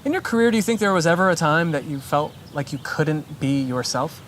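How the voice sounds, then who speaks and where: Rapid-fire interview questions come from an animated, middle-pitched voice, each followed by a brief, upbeat reaction. A faint background hiss is audible.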